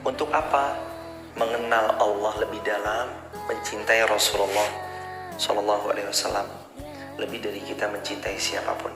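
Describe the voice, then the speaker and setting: A man preaching an animated sermon to a congregation, asking rhetorical questions, with an Indonesian accent. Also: lowish voice, moderate pace, long pauses. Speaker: ustadz preacher. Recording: echoey hall with music behind.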